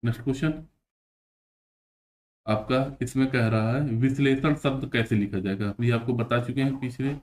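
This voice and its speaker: A man walks students through spelling questions one by one. He explains each answer patiently and repeats the words slowly. At times he stretches them out syllable by syllable. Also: medium pitch, fairly even intonation. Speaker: teacher. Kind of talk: exam-prep spelling lesson.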